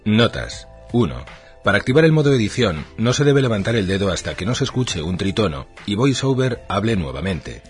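A man's voice: lowish voice, big pitch swings, brisk, faint music behind. A man reading a scripted instructional manual in a formal way, item by item in short labelled phrases.

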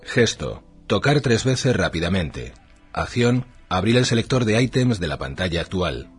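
A low-voiced man narrates an instruction manual. His intonation swings noticeably while he reads short labelled items formally. Faint music plays behind him. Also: big pitch swings, measured pace, husky.

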